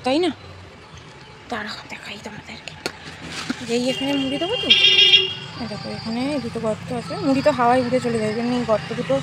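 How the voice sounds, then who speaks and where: A young woman with a high, light voice talks easily to her viewers as if they were friends. She speaks close to a phone camera in her home. Steady household noise runs under her voice throughout. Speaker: home vlogger. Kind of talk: casual home vlog. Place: family home. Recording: noisy home recording.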